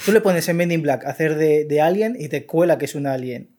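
A man, chatting casually about actors, animated with halting restarts. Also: fairly high pitch. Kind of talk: casual film discussion.

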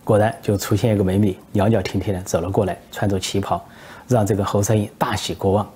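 A male political commentator spinning a satirical tale in a relaxed storytelling way, with frequent hesitations. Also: fairly low pitch, quick pace, a little hiss or hum.

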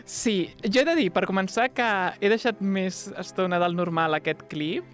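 A woman's voice: medium pitch, expressive, moderate pace, faint music behind. A woman podcast co-host chatting casually, repeating words as she builds her points. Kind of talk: casual chat.

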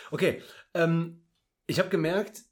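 A young man co-hosting a podcast in casual chat, talking in a hurry with frequent restarts and loud acted-out quotes. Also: on the high side, steady tone. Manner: hurried, restarts often, acts out quotes loudly. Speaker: podcast co-host.

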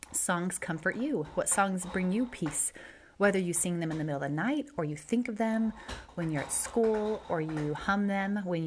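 A woman hosting a podcast, reading a children's story aloud slowly and gently. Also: fairly low pitch, slight background noise. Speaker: podcast host.

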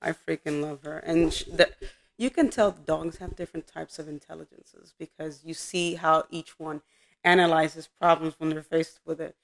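A woman in casual chat, rambling with lots of filler words and quick laughs. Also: sits low, fairly even intonation.

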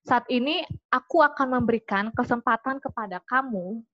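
A woman's voice: fairly high pitch, moderate pace, fairly bright tone, dull audio, lightly acted. A woman voicing a male Greek god who formally offers a poor farmer any wish, speaking in a solemn storybook way.

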